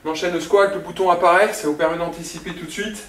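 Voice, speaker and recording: A man's voice: high-pitched, steady tone, quick pace. A man coaching an interval workout, calling out short, encouraging commands and countdowns. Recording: roomy echo, distant mic, clear background noise.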